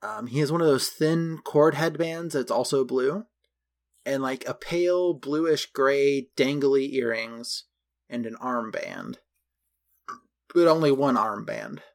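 A man's voice: medium pitch, animated, slow, gravelly. Chatty man recapping a film. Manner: chatty, detailed, goes through costumes item by item. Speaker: podcast co-host. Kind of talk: casual film recap chat.

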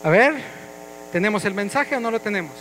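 A man, a pastor leading an energetic, playful interactive sermon with his congregation in a church. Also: high voice, fairly quick, slight background noise, poor audio. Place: church hall.

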